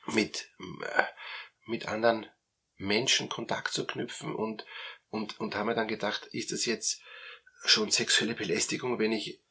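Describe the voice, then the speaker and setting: Austrian male coach, middle-aged, husky low voice, explanatory and halting. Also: sharp tone. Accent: Austrian German. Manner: hesitant, many fillers and repeated words. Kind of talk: explanatory talk.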